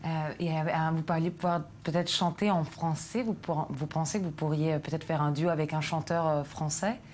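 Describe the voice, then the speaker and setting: A woman's voice: low-pitched, steady tone, moderate pace, a little mellow, a little hiss or hum. A woman hosting a TV culture interview in a studio, asking questions with frequent hesitant fillers. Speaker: TV culture host.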